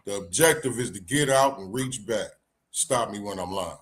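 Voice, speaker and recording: A man's voice: on the low side, normal speed. A man co-hosting a live online talk show, speaking casually and handing out laid-back, street-wise advice. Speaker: co-host.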